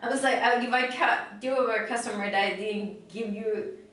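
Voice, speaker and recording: A woman's voice: fairly high pitch, moderate pace, fairly bright tone. Blunt woman co-host, echoey room. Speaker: podcast co-host. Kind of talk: casual chat. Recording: very echoey room, mic far off.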